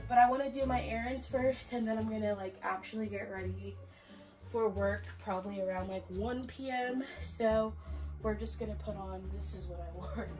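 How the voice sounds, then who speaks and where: A woman's voice: on the high side, a little mellow, far from the mic, rough recording. A young woman vlogging casually, rambling with lots of fillers while she tidies and plans her day, sounding a bit out of breath. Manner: chatty, filler-heavy, talking while tidying. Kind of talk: casual vlog talk.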